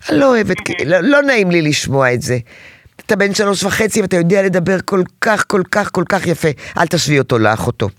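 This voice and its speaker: Lively woman parenting coach, dry sound. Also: fairly low pitch, dry recording. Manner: animated, acts out parent and child voices. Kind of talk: advice talk to a parent.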